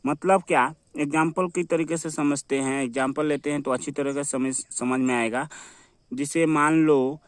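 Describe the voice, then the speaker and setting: A man with a fairly high voice gives a classroom-style vocabulary lesson. He asks rhetorical questions, answers them himself, and drills each word over and over. The sound is dry and close, with no room echo. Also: fairly even intonation, normal speed. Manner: repetitive, asks and answers his own questions. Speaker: English teacher.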